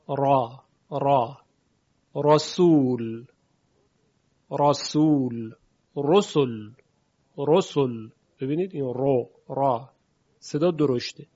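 A man's voice: on the high side, dark tone. Man teaching recitation, dull lo-fi sound. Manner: explains slowly, drawing out example words. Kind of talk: spoken lesson with recited examples.

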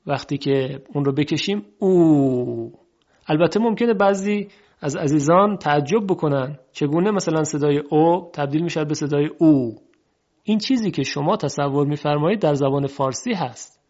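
A man teaching a formal lesson, politely explaining and slowly drawing out example sounds. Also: a little high, a little mellow. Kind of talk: lecture on Arabic phonetics. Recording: dull lo-fi recording.

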